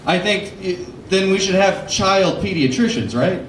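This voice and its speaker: A man with a fairly high voice does stand-up at an open mic, rambling and chatting with the crowd. His delivery is loose and full of asides. The sound rings around a roomy club. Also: expressive, unhurried, fairly bright tone, slight background noise. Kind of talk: stand-up comedy with crowd work. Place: comedy club stage.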